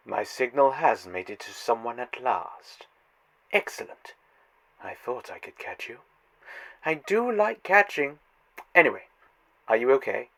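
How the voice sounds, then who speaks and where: A man playing a playful, condescending otherworldly mastermind in an audio drama, theatrical and teasing, switching between hushed and loud. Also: mid-range voice, creaky, full character voice. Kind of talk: audio drama monologue to the listener.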